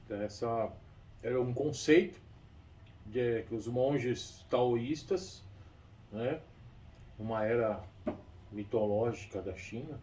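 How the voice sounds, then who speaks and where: A man's voice: mid-range voice, slow pace, pauses often, warm tone. A man with a Brazilian Portuguese accent, a kung fu teacher explaining at length, rambling and often adding tag questions and restarting. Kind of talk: explanatory talk. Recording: distant mic with faint background noise.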